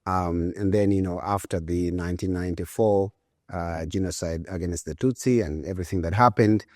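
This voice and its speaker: A man in his forties who grew up in Uganda, a guest entrepreneur answering interview questions in a relaxed, thoughtful way with frequent fillers. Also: low voice, normal speed, no echo, studio quality. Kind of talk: conversational interview.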